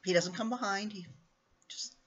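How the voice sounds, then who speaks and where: A woman's voice: mid-range voice, moderate pace, a bit bright. A woman narrating a tabletop vampire game as game master, laughing often and calling for rolls. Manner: laughs often, directs players to roll. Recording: muffled lo-fi stream audio.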